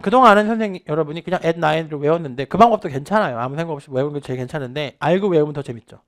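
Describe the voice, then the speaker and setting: A man in his thirties teaching in an online test-prep lecture, energetic and drilling phrases for repetition while swinging his pitch and loudness for emphasis. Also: rapid-fire. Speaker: English teacher.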